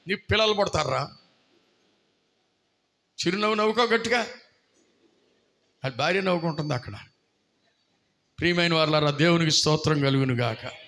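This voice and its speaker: A male pastor delivers a fiery sermon in a high, bright, ringing voice. He breaks into shouts at the peaks and acts out the people in his stories. The tone stays forceful throughout. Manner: fiery preaching, shouting out bursts and acting out voices. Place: church hall.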